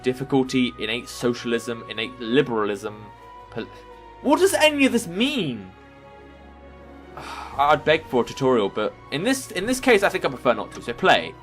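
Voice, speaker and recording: A man's voice: mid-range voice, big pitch swings, normal speed, a bit bright, faint music behind. A man giving casual let's-play commentary, rambling, laughing and thinking aloud as he plays. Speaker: gaming video host.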